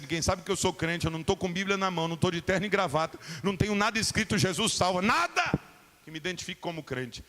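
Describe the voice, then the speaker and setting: A man in his forties preaches a sermon in a church, his voice sitting a little high for a man. He acts out the people in his stories with lively swings of pitch, and a long reverb rings through the hall behind him. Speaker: guest pastor. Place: church sanctuary.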